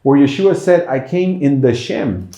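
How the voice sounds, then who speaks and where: A man's voice: mid-range voice, lively intonation, slow pace, mellow, echoey room. A man teaching a congregation, explaining Hebrew words step by step and often asking his listeners whether they follow. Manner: explanatory, checks understanding with frequent rhetorical questions. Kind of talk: bilingual Bible teaching.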